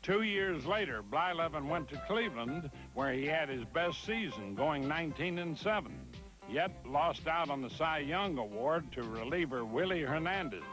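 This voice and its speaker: A man reading the scripted narration of a baseball feature with a measured, punchy delivery. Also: fairly high pitch, animated, music in the background, poor audio.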